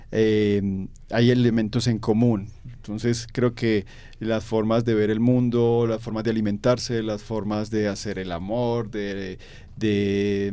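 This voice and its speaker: This interview guest is a young man from Colombia whose paisa Spanish accent comes through as he reflects conversationally, leaning on fillers and repeating words. He speaks with a fairly low, dark pitch that is clear and resonant. There is no room sound.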